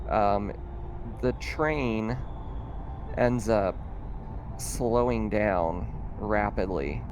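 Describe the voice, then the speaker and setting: A man with a fairly low voice acts as game master for a tabletop roleplaying game, describing scenes in a halting, improvised way. Slight background noise can be heard.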